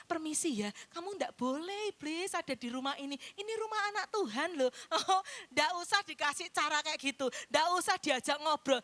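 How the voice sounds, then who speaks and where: A woman's voice: high-pitched, bright, forceful tone. A woman evangelist, preaching a chatty sermon and teasing members of the congregation by name.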